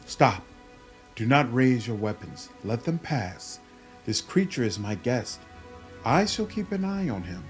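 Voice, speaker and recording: A man gives voice to a female guardian spirit speaking from a statue. The delivery is calm, stately and commanding, over game music. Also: medium pitch, a little slow. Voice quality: soft, stirring.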